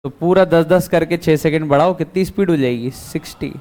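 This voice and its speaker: Guy teaching physics class, fairly high voice, fires off questions then answers em himself. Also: a little fast, warm tone. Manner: quizzing students, answering his own questions. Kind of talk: classroom lecture.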